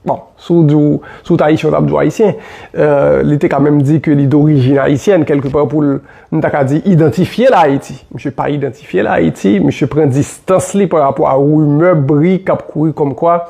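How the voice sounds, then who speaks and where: A man with a Haitian accent, giving solo football commentary in an animated way, repeating his points with many fillers. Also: fairly high pitch, moderate pace, creaky, slightly rough.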